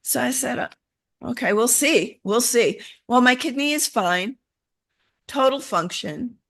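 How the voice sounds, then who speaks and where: A middle-aged woman shares a personal story in an interview. She talks in an animated way, taking on the voices of the people she quotes as she goes. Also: a little high, measured pace. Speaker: interview guest.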